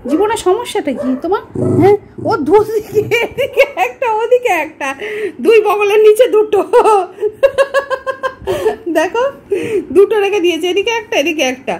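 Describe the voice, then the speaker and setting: A woman's voice: extremely high pitch, animated, moderate pace, a little mellow. A woman filming her pet dog at home, talking to it in coaxing baby talk, teasing and laughing.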